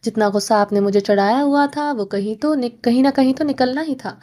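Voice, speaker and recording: High-voiced impulsive young wife in a romance audiobook, read by a woman, quick to scold and tease. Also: mellow, lightly acted. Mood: angry. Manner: pleading then scolding, teasing.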